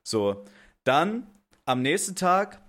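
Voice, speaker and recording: A man's voice: fairly high pitch, big pitch swings, slow pace, a bit bright. A young man co-hosting a podcast in casual chat, joking with crude slang. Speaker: podcast co-host.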